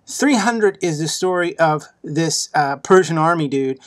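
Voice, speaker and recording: A man's voice: fairly high pitch, lively intonation, measured pace, no room sound, studio quality. Profane joking young man reviewing movies. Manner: profane, jokey, slips into silly put-on voices. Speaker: Blu-ray reviewer. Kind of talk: casual video review.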